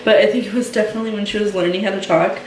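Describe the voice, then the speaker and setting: Young mom vlogging, chatty, lots of um and like, roomy sound kinda far from the mic. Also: female voice, medium pitch, steady tone, very fast, background noise. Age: young adult. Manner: chatty, many fillers and "like". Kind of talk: casual chat.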